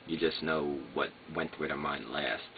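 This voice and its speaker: A man's voice: rumbling low, steady tone, unhurried, vocal fry, faint music behind. A man with slurred speech rambling casually to a vlog, hesitant and meandering, often trailing off. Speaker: vlogger. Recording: noisy, muffled phone-like sound.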